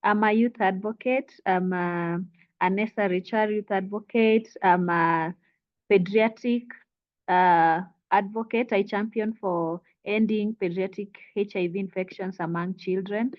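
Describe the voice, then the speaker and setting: A woman's voice: medium pitch, steady tone, a little slow. Brief: Kenyan woman, youth advocate, eager self-intro, lo-fi call audio. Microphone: video call. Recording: dull muffled call audio.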